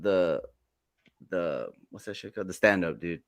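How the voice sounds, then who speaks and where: A man's voice: sits low, expressive, normal speed, dry recording, studio quality. A man hosting a casual chat on a video call, loose and rambling with lots of filler. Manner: loose, rambling, says dude a lot. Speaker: host.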